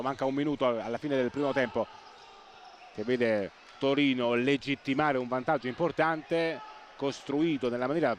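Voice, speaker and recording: Male sports commentator, breathless and urgent play-by-play, insistent repetition, medium-pitched, over noisy indoor match ambience. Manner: excitable, repeats words and names for emphasis. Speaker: live futsal match commentator.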